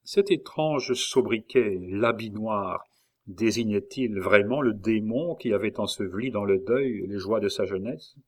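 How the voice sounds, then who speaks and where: A man narrating a classic novel as an audiobook in a measured, expressive storytelling manner. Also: lowish voice.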